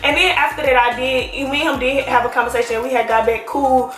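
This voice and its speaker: A woman's voice: sits high, steady tone, brisk, fairly bright tone, roomy sound, soft background music. A woman telling a personal story in a casual, sarcastic, slangy way.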